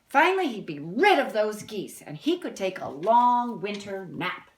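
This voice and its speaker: A woman in a mid-range, sing-song voice reads a picture book to small children, going a little slowly. Along the way she chats with them, offering simple explanations and posing questions.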